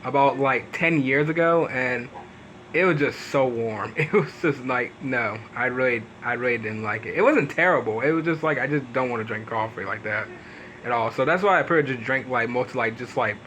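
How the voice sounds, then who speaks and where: A man talking through his game builds in a loose, rambling way, stacking up fillers and restarting his sentences. His pitch stays in a middle range but jumps up suddenly when he stresses a point. A faint noise sits under the voice. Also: normal speed, a bit bright, rough recording. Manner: rambling, leans on "pretty much" fillers and restarts. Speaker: gaming video host. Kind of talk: casual gameplay commentary.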